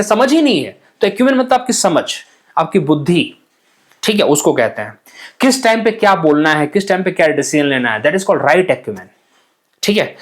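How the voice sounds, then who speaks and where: Chatty young man teaching vocabulary. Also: fairly high pitch. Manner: chatty, repeats "ठीक है?" and acts out little scenes. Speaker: vocabulary teacher for exam aspirants. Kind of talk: explanatory online lesson in Hindi with English words.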